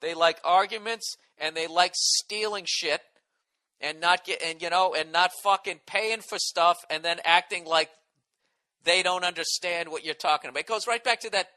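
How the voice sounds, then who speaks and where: A man's voice: fairly high pitch, moderate pace, pushed and bright. Profane ranting man with a Boston accent. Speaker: podcast host. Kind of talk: solo podcast rant.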